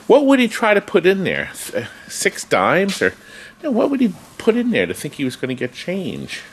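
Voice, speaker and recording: Chatty man with lively, swooping pitch. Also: normal speed, a little hiss or hum. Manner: chatty, rambling, jokey asides. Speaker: host giving a video tour of his arcade business. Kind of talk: casual walk-through vlog chat. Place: indoors in an arcade game warehouse.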